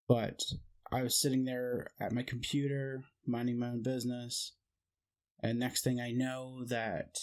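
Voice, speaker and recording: A man, host of his own channel, sits and tells his own spooky experiences in plain, everyday speech. He wanders from one detail to the next and stays matter-of-fact throughout. His voice sits at an ordinary middle pitch. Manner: meandering, matter-of-fact retelling. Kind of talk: casual personal storytelling.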